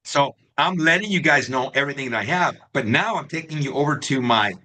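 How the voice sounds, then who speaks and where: This real estate coach has a fairly high, bright, forceful voice and an animated, brisk delivery. Teaching agents live online, he addresses the class directly and keeps checking in with "right?" and "okay?"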